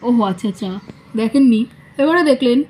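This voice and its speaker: A cheeky young man in a doll vlog drama, voiced by a woman, teasing and playful in manner. His voice sits high for a man. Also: expressive, a little fast, darkish tone, husky, poor audio.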